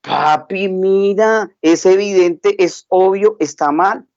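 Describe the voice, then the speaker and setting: A man's voice: high-pitched, takes it slowly, a little mellow, no room sound, dull audio, pitched above the performer's own voice. A man voicing an anxious five-year-old girl who pleads insistently with her father. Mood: worried, pleading.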